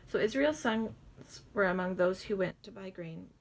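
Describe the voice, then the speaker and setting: A woman's voice: medium pitch, normal speed, slight background noise. A young woman reading the Bible aloud with rambling, giggly asides and stumbles on hard names. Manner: rambling, giggly asides full of likes and ums.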